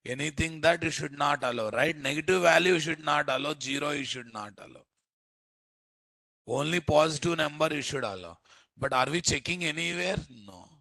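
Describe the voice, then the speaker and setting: A man's voice: fairly high pitch, moderate pace, creaky, bright, forceful tone, dry recording. An Indian-accented man teaching programming in a live coding lecture, repeatedly quizzing his listeners with questions. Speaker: programming instructor.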